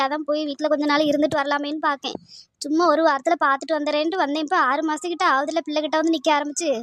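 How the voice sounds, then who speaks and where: A woman's voice: high voice, close to an everyday voice. A woman doing an anxious village grandma. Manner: pleading, anxious, repetitive. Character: worried village grandmother visiting daughter's in-laws. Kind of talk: cartoon voice acting.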